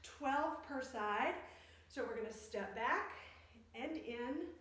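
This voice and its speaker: A woman's voice: sits high, expressive, slow, fairly bright tone. A woman fitness instructor leading an exercise class, giving step-by-step cues and counting reps in short phrases. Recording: very echoey room, distant microphone.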